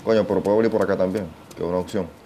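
A young man giving casual gameplay commentary, excitable, swearing often and talking to himself. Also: low voice, rapid-fire, a little hiss or hum. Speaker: gaming channel host.

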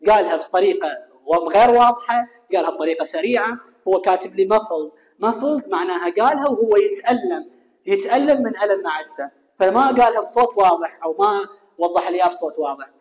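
A male English teacher with an Iraqi Arabic accent, quickly and pointedly walking through the mistakes in a textbook phone dialogue. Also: high-pitched, lively intonation, darkish tone. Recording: reverberant room.

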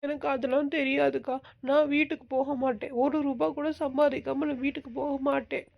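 A woman doing a creaky, whiny young wife. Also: high voice, level tone, fairly quick, highs cut off. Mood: stubborn. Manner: whiny, complaining, stubborn. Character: young married woman, weepy, stubborn and proud. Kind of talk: home-made comic skit.

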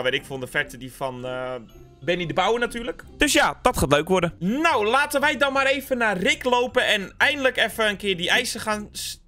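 A young man hosting a game video, chatting animatedly to his viewers while playing through a roleplay. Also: high-pitched. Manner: animated, chatty, often breaking into laughter. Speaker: gaming video host.

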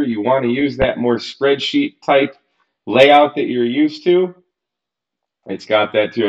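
Recorded at his home workbench, a radio gear reviewer in his thirties talks frankly through a radio programming demo as a casual screen-recorded tutorial, now and then making exasperated asides. His voice sits in the mid range, and the audio is dull.

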